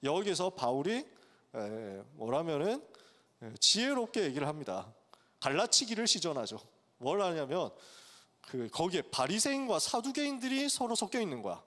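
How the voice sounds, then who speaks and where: A male pastor preaching to college students, telling the story in a lively way and acting out its characters' voices. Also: a little high, normal speed. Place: church sanctuary. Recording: long church hall reverb.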